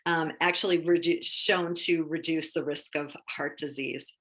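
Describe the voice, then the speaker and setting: A woman's voice: deep voice, steady tone, unhurried, fairly bright tone. A woman presenting sleep and wellness tips in an informal webinar, explaining in a conversational, encouraging way. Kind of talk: informal webinar talk through a list of tips.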